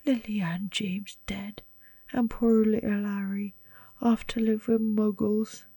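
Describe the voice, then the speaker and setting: A woman voicing a big soft-hearted man who is tearful and stammering, in whispered role-play. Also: medium pitch, flat delivery, takes it slowly, slightly rough, no echo. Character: huge tearful male half-giant, soft-hearted.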